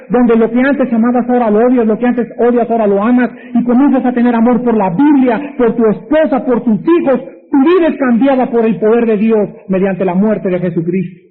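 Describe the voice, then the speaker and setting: A Mexican man delivers a sermon in a strikingly high voice, driving his points home with emphatic rhetorical questions. The sound is thin and narrow, like a phone line. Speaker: pastor.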